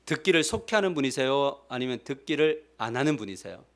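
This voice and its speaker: A man's voice: mid-range voice, fast. A male pastor giving a sermon, asking his congregation questions as he goes. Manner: animated preaching, asks the congregation questions. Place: church sanctuary.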